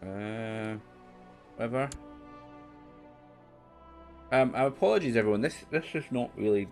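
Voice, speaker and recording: A man's voice: mid-range voice, a little slow, darkish tone, soft background music. A man giving casual let's-play commentary, rambling and thinking aloud with the odd swear word. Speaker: game streamer.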